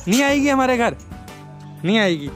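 A man's voice: very high voice, very animated, normal speed. A man vlogging at home, chatting casually and cooing at his dog in baby talk. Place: family home. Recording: background music under the voice.

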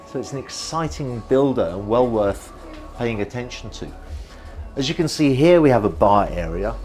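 A man's voice: lowish voice, a little mellow. Chatty man touring a yacht. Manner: enthusiastic, chatty, guiding the viewer. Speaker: yacht reviewer. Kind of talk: walkthrough tour commentary. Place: outdoors on a yacht deck and inside its saloon at a boat show.

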